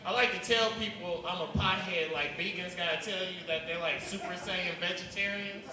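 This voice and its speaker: A man performing a stand-up comedy set on stage, rambling loosely between bursts of loud emphasis. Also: high voice, fairly even intonation, normal speed. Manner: loose, rambling delivery with sudden loud outbursts. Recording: roomy, distant live club recording with noise.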